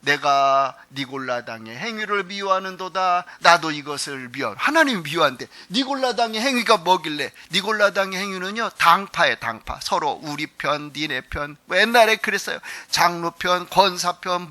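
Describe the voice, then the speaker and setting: A man preaching a sermon as pastor, telling stories with animated delivery, acting out quoted voices and dropping to hushed tones. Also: on the high side.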